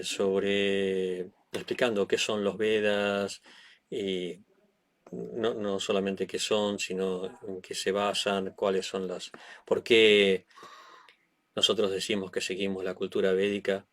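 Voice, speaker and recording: A man giving a class to a community group, talking slowly and hesitantly with frequent fillers. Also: low-pitched. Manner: slow, hesitant, many fillers. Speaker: teacher. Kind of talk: class talk.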